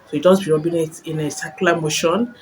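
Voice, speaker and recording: A woman's voice: low voice, steady tone, quick pace, slight background noise, low-quality recording. A woman giving casual step-by-step relationship advice to her viewers, repeating herself often and ending points with a questioning "okay?". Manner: repeats phrases, tags lines with "okay?". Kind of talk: casual instructional talk to camera.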